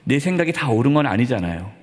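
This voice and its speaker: A man's voice: mid-range voice, very animated, fast talker. A male pastor preaching a sermon in an earnest, conversational way, acting out short asides. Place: church sanctuary. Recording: long reverb of a church hall.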